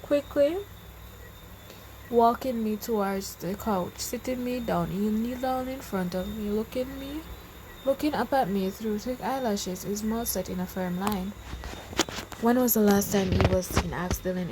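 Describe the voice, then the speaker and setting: A woman's voice: mid-range voice, normal speed, warm tone, a little hiss or hum, low-quality recording. A woman reading a novel aloud chapter by chapter, correcting her own slips as she goes. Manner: reads with slips and self-corrections. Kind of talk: storybook reading.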